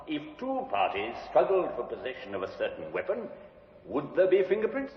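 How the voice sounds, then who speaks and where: A sharp defense barrister fires off crisp, probing questions in a lively, rising and falling voice. The old broadcast sounds muffled, with a long, roomy echo. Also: male voice, medium pitch, normal speed. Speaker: defense counsel. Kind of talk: 1950s radio drama acting. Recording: dull echoey old radio recording.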